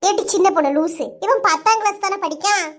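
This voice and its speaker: Woman voicing a squeaky high cartoon village mom, kanyakumari tamil accent, always scolding. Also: brisk. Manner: scolding, loud village banter. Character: bossy middle-aged village mother, scolding neighbor. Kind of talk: cartoon voice acting.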